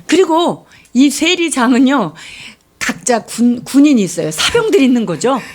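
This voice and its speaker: A woman's voice: high-pitched, sing-song, normal speed. A woman interpreting a sermon live, explaining and restating each point with fillers.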